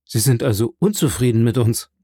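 A man voicing a gruff, loyal old sailor in an audiobook, speaking in a strained, pressed way. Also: mid-range voice, animated, a little fast, warm tone, no echo, clean studio sound. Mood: pleading, loyal.

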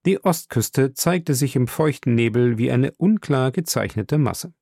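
A man narrating an audiobook in a measured storytelling manner. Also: medium pitch, animated, creaky, mellow, no room sound, clean studio sound. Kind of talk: scripted narration.

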